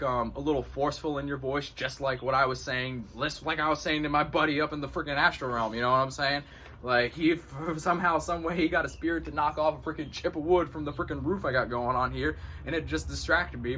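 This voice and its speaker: A man's voice: medium pitch, sharp tone, slight background noise. A man hosting an astrology video, explaining casually to camera in a rambling, slangy and profane way, recorded in a room at home. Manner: rambling, slangy and profane, full of "you know". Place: his own room at home.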